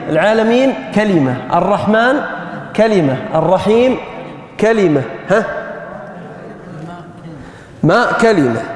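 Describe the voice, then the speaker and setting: Middle-aged man, high-pitched professor quizzing a class, recorded in a reverberant lecture hall. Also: darkish tone. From Saudi Arabia. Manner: quizzing students, call-and-response drilling. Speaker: grammar professor.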